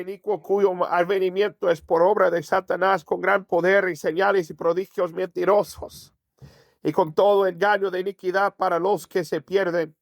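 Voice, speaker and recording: A man preaches a sermon to his congregation, his voice sitting fairly high. He keeps asking rhetorical questions and answering them himself. The sound is dry and close, with little room around it. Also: gravelly, dry recording. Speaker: pastor.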